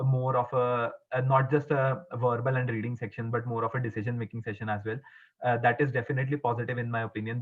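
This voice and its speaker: A young man giving formal interview answers as an exam topper, speaking in a halting, earnest, explanatory way with frequent stumbles and repeats. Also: mid-range voice. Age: young adult. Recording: muffled, phone-like narrow band.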